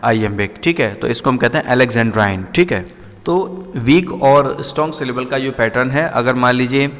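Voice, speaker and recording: A man explaining literary terms for exam preparation, slowing right down to read English definitions and checking in often with his students. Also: mid-range voice, a bit bright, in a large hall. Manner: repetitive, checks in often with the listener. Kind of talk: explanatory lesson.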